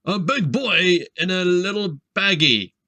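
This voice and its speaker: A man voicing a large cloaked swordsman in a fantasy game, taunting in a gravelly vigilante growl. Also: high voice, animated, unhurried, bright, forceful tone, full character voice. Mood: mocking menace. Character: large cloaked swordsman villain, mocking and menacing.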